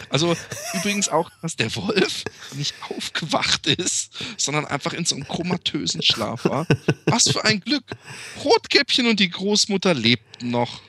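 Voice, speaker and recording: A man's voice: fairly high pitch, pushed and bright, no room sound. A young man reading a fairy tale aloud and interrupting with sarcastic, crude asides.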